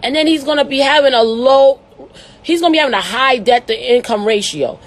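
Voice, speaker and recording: A woman hosting an advice show, reading a listener's letter aloud and answering it with blunt, profane, animated commentary. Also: high voice, a little fast.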